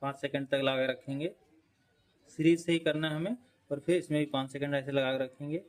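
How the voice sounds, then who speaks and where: A man with a slightly high voice teaches fan and motor repair. He explains patiently and repeats key points, stopping often to check that the viewer follows. He works with tools while he talks. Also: steady tone, fairly quick. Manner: demonstrating with tools while talking. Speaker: electrician instructor. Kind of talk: hands-on repair tutorial.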